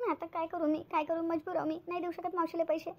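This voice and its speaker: A woman's voice: high-pitched, steady tone, very fast, gravelly, background noise. A woman voicing a scheming young wife in a cartoon, sly and whiny, pleading with fake tears. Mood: fake sobbing. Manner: wheedling, fake-tearful pleading. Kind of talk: cartoon voice acting.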